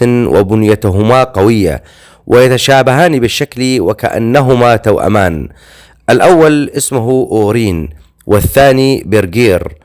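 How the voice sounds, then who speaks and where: A man narrating a dark fantasy novel as an audiobook, in a steady storytelling way with occasional slips. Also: mid-range voice.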